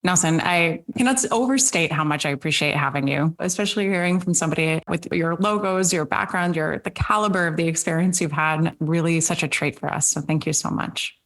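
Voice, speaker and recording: A woman's voice: a little fast, few pauses, a bit bright. A middle-aged woman from Switzerland hosting a sales podcast, recapping an interview and answering listener questions in an upbeat, emphatic way. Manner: upbeat, emphatic, with big pitch jumps on key words. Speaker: podcast host.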